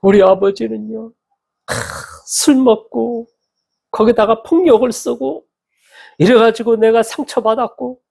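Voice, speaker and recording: A male pastor preaching a sermon in a church, animated and acting out the voices of people he quotes. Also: very high-pitched, a little slow, creaky, pauses often, husky. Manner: animated, acts out quoted speech with lively swings in tone.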